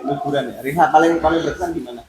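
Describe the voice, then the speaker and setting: A man's voice: a little high, very fast, crowd noise. Young man from Boyolali joking as host. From Boyolali, Central Java. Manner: playful, jokey, mixes in Javanese words. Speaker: host interviewing classmates. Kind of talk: casual school interview chat.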